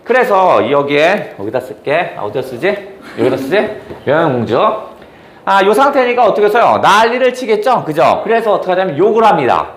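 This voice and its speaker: A male teacher lectures on classical prose with a high voice that leaps around. He tells the story bluntly and casually and keeps asking the class rhetorical questions. The room has a strong echo. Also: sing-song, fairly quick. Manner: casual, blunt speech with slang.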